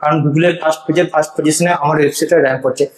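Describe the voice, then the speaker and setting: A man's voice: fairly high pitch, steady tone, rapid-fire. A man giving earnest, confident blogging advice in a casual tutorial, his voice carrying a heavy room echo. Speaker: blogging and SEO YouTuber. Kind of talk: casual tutorial monologue to camera. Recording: echoey untreated room.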